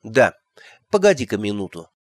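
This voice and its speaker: A man's voice: fairly low pitch, very animated, moderate pace, dry recording, clean studio sound. A man voicing a young queen, speaking in an offhand, breezy way. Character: calm eerie young queen, axe-wielding.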